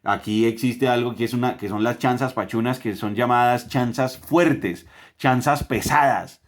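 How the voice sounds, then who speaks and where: A man's voice: mid-range voice, moderate pace. A man with a Colombian accent, teaching a Bible lesson to his family, emphatic, with rhetorical questions and repeated phrases.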